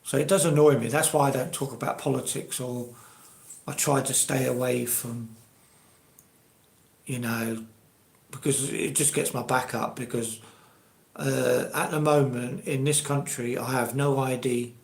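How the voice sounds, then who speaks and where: A man in his sixties with an English accent chats informally to a live audience online. His voice is mid-pitched with plenty of gravelly fry, and he wanders conversationally through his thoughts. The room adds a noticeable echo. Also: steady tone, a little slow. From England. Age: 60s. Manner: rambling, conversational. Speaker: live stream host. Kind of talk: casual live chat. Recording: roomy, echoey live stream.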